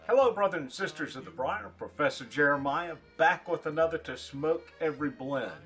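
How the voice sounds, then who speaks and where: A man giving a casual, rambling product review in short, halting phrases, as a reviewer talking to his viewers. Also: a little high, a bit bright, faint music behind. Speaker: pipe tobacco reviewer.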